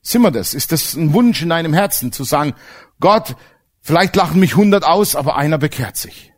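A man preaching a sermon, telling stories with feeling and dropping to hushed, choked-up moments. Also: a little high, fairly quick. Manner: emotional, animated storytelling with sudden quiet, choked-up stretches.

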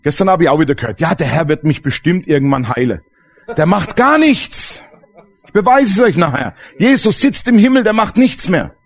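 Emphatic high-voiced man preaching. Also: expressive, moderate pace. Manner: emphatic, asks the congregation questions. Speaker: pastor. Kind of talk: sermon.

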